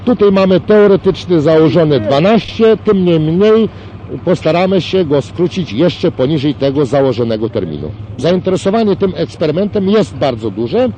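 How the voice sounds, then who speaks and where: A man's voice: a little high, sing-song, moderate pace, warm tone, dull audio, slight background noise. Official-sounding man on old worn tape. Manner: official, bureaucratic phrasing. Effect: played from old worn archive tape. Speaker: construction company director. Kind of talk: formal archive interview answers.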